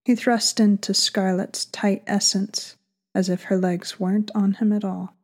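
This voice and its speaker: A woman author reading her erotic story aloud slowly and sultrily, sometimes dropping into a breathy whisper. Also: medium pitch, level tone. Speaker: author and co-host.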